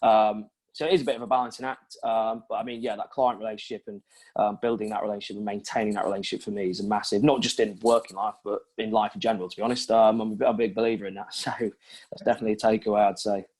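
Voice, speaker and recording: A man's voice: fairly low pitch, flat delivery, fast, darkish tone. A young man in his twenties from Yorkshire, answering interview questions in a chatty way with many ums. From Yorkshire, England. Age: 20s. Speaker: recruitment consultant, interviewee.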